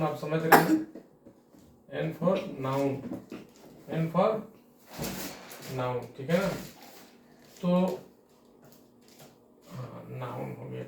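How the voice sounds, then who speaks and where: A male English teacher gives a spelling lesson, slowly spelling each word out letter by letter. His voice sits a little high and sounds distant in an echoey room, with faint noise behind him. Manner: frequent "theek hai na" check-ins.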